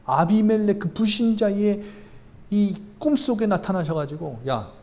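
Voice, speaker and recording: Animated male pastor preaching. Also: high-pitched, unhurried. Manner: emphatic, conversational preaching with sudden rises. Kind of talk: sermon. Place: church.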